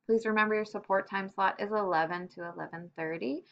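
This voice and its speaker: A woman teacher giving a recorded lesson to young children, upbeat, slowing down to stress example phrases. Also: medium pitch, vocal fry, fairly bright tone. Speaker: elementary school teacher. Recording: slightly dull computer-mic sound.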